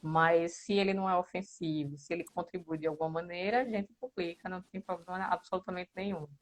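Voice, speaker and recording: A woman from a writing group answers interview questions in Brazilian Portuguese, explaining things casually and often adding small tag questions to check in. Her voice is lowish, her intonation fairly even, and she speaks fast.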